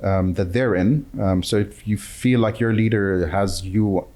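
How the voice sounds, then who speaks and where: A middle-aged man from the UAE, a marketing chief and interview guest, talking in a measured, earnest way with some fillers. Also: on the low side, steady tone, dark tone. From UAE (Dubai). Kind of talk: candid conversational interview.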